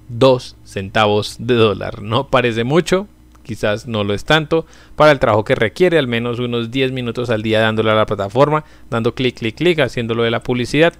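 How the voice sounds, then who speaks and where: In this screen-recorded tutorial, a young man hosting his channel guides viewers through a website one step at a time. His voice is an ordinary middle pitch, his manner relaxed and full of everyday fillers, and he sits near the mic in a small room with no echo.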